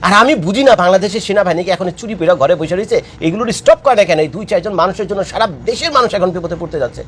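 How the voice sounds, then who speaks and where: Male commentator, high voice, rapid-fire scolding monologue, repeats his warnings. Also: expressive, a bit bright, husky. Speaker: political commentator. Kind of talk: impassioned political monologue. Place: living abroad.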